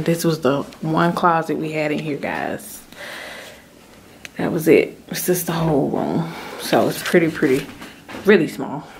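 A woman in her thirties gives a chatty, relieved tour of an empty house's rooms and basement, talking to viewers on a handheld phone and calling them "guys" and "y'all." Her voice is low-pitched, with a little hiss or hum in the recording.

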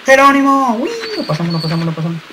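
A young man doing gameplay commentary as a raging gamer, loud and exasperated. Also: high-pitched, lively intonation, fast talker. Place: small room indoors. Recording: very noisy home gaming recording.

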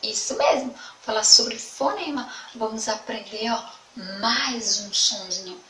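Slow, sing-song woman teacher, echoey room. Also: on the high side, sharp tone. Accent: Sergipe Brazilian Portuguese. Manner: slow, sing-song, repeats words for children. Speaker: primary school teacher. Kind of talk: online children's lesson. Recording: echoey room, mic at a distance, faint background noise.

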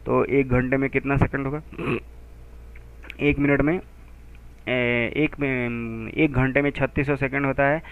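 A man teaching a physics textbook chapter in chatty Hindi, reading English lines slowly and working sums aloud with many pauses and restarts, on a tinny phone-like recording. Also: medium pitch, little pitch movement, clean tone. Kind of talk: textbook explanation lesson.

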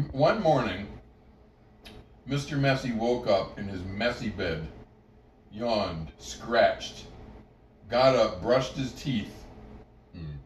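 An older man with an unhurried, grandfatherly voice reading a children's storybook aloud, pausing between phrases. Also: lowish voice, animated, lo-fi sound. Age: 60s or older. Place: living room at home, indoors. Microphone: camera several feet away. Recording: roomy, distant camera mic, faint noise.

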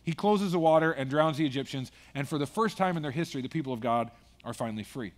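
Male pastor, high voice, chatty sermon delivery with wry asides. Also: animated, quick pace. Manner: conversational preaching with asides and humor.

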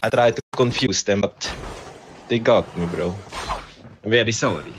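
A somewhat low-voiced man talks over game voice chat in a playful mock Italian accent, calling his teammate brother again and again. Loud gunfire and explosions from the match sit behind his voice in the noisy game audio. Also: unhurried. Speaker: random teammate in a mobile shooter. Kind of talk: casual voice chat while gaming.

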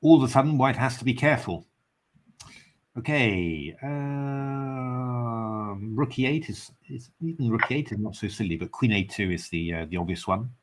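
A man's voice: mid-range voice, normal speed. An English man giving live commentary on online chess games, thinking aloud with lots of fillers and bursts of cheering. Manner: excitable cheering, then musing with many fillers.

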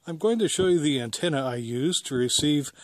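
A man from the United States, speaking a little high and a little fast with an American accent, hosts a casual how-to on his home-built antenna as a radio hobbyist. Explaining step by step in plain language outdoors beside a parked car, he's recorded clearly along with background noise and outdoor ambience.

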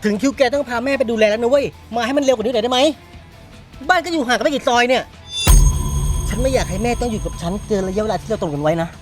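A pushy, greedy eldest sibling who barks orders impatiently , as a woman plays her. Her voice is high and animated. A music score plays clearly behind her. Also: quick pace, natural voice. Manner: bossy, impatient and loud. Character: bossy, greedy eldest sibling, fed up with caring for mother. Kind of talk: short-film drama acting.

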